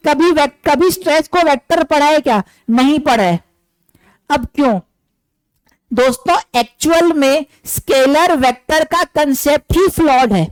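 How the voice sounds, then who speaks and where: A man's voice: very high-pitched, a little slow, dry recording, low-quality recording. A man teaching a physics class who keeps asking questions and answering them himself, calling his listeners his dear students.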